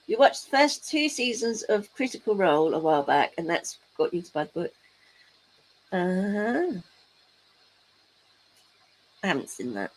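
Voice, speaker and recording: Speaking unhurriedly in a mid-range voice with big pitch swings and long pauses, a woman chats while crafting on a livestream. She reads out her chat and teases viewers playfully, though the audio is poor.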